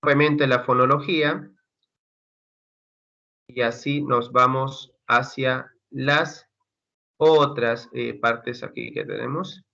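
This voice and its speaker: A man's voice: medium pitch, steady tone, slow, gravelly, pauses often, pushed and bright. A man teaching a university class online, talking through his course materials in a chatty way with many fillers. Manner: conversational, addresses students as chicos, many fillers. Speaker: university lecturer. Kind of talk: online class over video call. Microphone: computer mic on a video call. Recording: dull lo-fi call audio.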